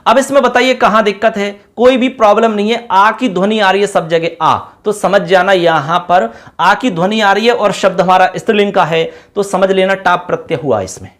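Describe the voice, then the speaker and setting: A man's voice: sits high, moderate pace, a bit bright. A male teacher explaining a lesson to students, repeating each word and quizzing them as he goes. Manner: repeats words, quizzes the class; sings a line of a song.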